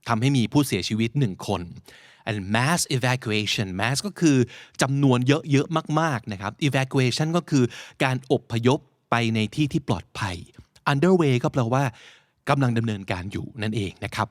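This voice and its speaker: A man hosting a podcast, explaining English vocabulary from news headlines in a lively, playful way. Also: mid-range voice, a little slow, no echo, clean studio sound. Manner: lively, slips into playful put-on quotes.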